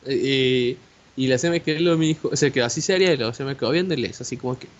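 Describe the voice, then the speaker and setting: A young man with a Mexican Spanish accent telling a personal story in casual chat, animated and slangy, with many fillers and restarts. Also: medium pitch, racing. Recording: dull lo-fi audio with faint hiss.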